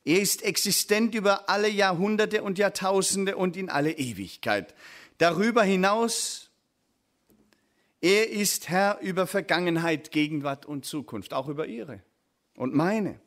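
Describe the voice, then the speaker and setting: A preacher delivering a sermon. His voice sits a little high for a man. He reads scripture in a slow, weighty way and then turns to his listeners with relaxed, conversational explanations.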